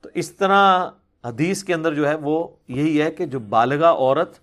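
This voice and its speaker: A man's voice: on the high side, a bit bright. A man giving a religious question-and-answer talk, reasoning patiently and pressing hard on his key points.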